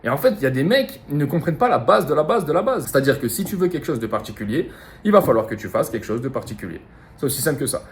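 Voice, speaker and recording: A man giving a rapid, insistent motivational monologue as an online business coach, repeating himself and swearing casually. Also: mid-range voice, very animated. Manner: fast, insistent, repetitive, slangy and profane.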